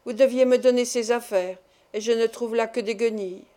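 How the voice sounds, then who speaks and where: A woman reading a calm, stern old showman. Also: a little high, fairly quick, close to an everyday voice. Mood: firm. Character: stern but gentle old travelling showman. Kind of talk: audiobook reading.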